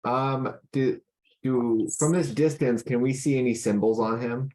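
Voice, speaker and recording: Guy playing a tabletop rpg, casual improv chat, mid-pitched voice. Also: steady tone, a little slow, darkish tone, poor audio. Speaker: player in a tabletop role-playing game.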